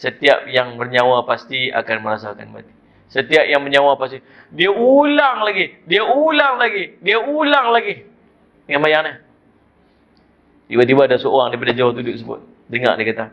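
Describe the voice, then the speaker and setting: A man's voice: medium pitch, lo-fi sound. A man preaching a mosque sermon with a Malaysian Malay accent, telling stories and speaking directly to his listeners. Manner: lively storytelling, addresses listeners directly, chuckles.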